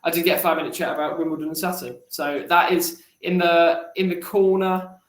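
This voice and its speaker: A man's voice: fairly high pitch, steady tone, brisk, roomy sound. A man telling stories as a regular podcast contributor in casual chat, rambling with restarts.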